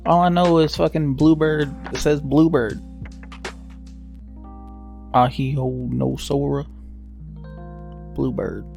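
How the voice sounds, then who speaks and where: A man's voice: a little high, steady tone, slow pace, creaky, long pauses, darkish tone, faint music behind. A man co-hosting a podcast, bantering casually in a brash, joking and heavily profane way. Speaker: podcast co-host.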